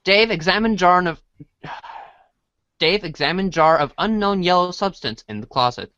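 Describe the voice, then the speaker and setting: Reading a comic aloud as a read-along storybook, this man sits high in pitch and sounds expressive, unhurried, sharp yet smooth. His manner is informal and he trips over words, captured in dry, dull, band-limited audio with no echo.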